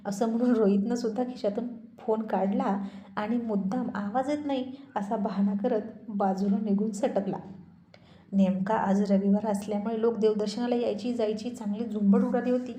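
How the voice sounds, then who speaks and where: A woman narrating a serialized story in a steady, expressive way. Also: medium pitch, normal speed. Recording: roomy echoey recording.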